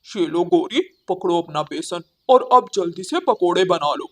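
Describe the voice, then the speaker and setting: A woman's voice: lowish voice, lively intonation, moderate pace, a bit bright. A woman voicing a male crow in a cartoon, a worried brother and husband, earnest and a bit helpless.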